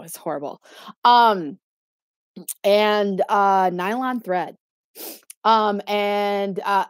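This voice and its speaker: A woman's voice: mid-range voice, no room sound, clean studio sound. A middle-aged woman chatting casually on a livestream, sassy and snarky, laughing often and filling gaps with lots of ums. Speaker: YouTube live streamer.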